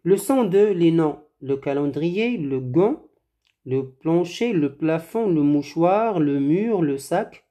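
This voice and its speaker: A French teacher giving a slow, deliberate lesson, saying words one at a time and repeating them for learners. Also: medium pitch, animated, mellow.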